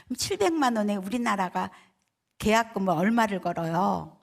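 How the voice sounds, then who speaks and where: A woman's voice: mid-range voice, expressive, normal speed, vocal fry. An older woman, a pastor's wife, tells a personal testimony story, acting out the voices of the people she quotes.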